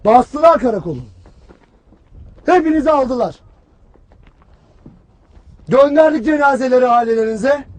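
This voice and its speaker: A barking army commander. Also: male voice, very high-pitched, lively intonation, moderate pace, pauses often. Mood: lecturing. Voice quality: barking, shouted delivery. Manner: cold, relentless, clipped questioning. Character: stern, harsh male army commander berating soldiers. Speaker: military commander. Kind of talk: film drama acting.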